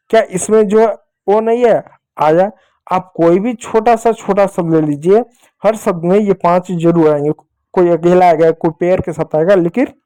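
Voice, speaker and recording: A man's voice: high voice, dark tone, clean tone. A man teaching young children in a patient lesson style, repeating each step and asking questions that he answers himself. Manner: patient, repetitive explaining, asks questions and answers them himself.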